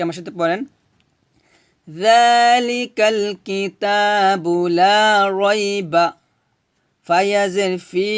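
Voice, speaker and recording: A man teaching Quran recitation, chanting verses slowly and explaining each rule patiently, asking questions and answering them himself. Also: sits high, no echo, studio quality. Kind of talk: recitation lesson.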